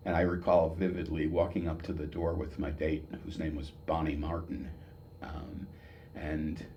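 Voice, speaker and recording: An elderly American man in his seventies, an old veteran remembering his service days, telling stories off the cuff in a halting, reminiscing way with pauses and repeated words. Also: rumbling low, little pitch movement, warm tone, highs cut off, a little hiss or hum. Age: 70s. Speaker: military veteran giving an oral history. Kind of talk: old veteran remembering, unscripted personal storytelling.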